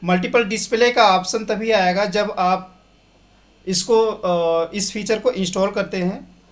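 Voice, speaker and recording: High-voiced and steady, this young man keeps a measured pace as he leads a casual step-by-step tech tutorial over screen share. He guides viewers through settings and mixes English terms into what he says.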